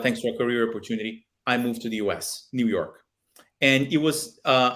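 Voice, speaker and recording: A Brazilian man in his thirties, a pilot and aviation video maker, appears as a guest in a casual video-call interview, speaking with a Brazilian Portuguese accent. His voice is medium in pitch and fairly bright, and he sounds earnest, with lots of fillers and restarts. He's on a webcam in a small home office with a plane picture.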